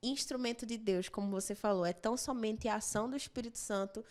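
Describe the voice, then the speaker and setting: A woman hosts a church podcast, reflecting at length on what her guest has shared during their conversation. Her voice is fairly high and a little mellow, and she talks fast.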